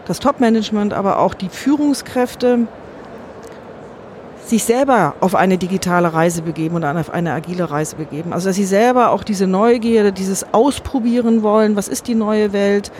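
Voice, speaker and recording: A woman's voice: mid-range voice, darkish tone. Reflective woman, faint traffic behind. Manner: measured, reflective, self-correcting mid-sentence; earnest and optimistic. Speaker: interview guest. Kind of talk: thoughtful conversational interview answers.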